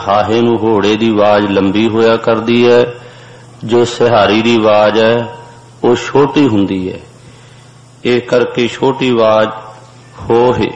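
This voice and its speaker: A man teaching how to pronounce sacred verses. He chants each line slowly, then explains it plainly. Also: on the low side. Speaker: scripture recitation teacher. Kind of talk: slow chanted recitation with spoken pronunciation notes. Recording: dull lo-fi audio with long hall reverb.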